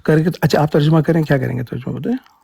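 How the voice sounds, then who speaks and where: A man's voice: fairly high pitch, vocal fry, warm tone, husky, dry recording. A man in a heated religious debate, arguing insistently and cutting in. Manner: argumentative, insistent, interrupting.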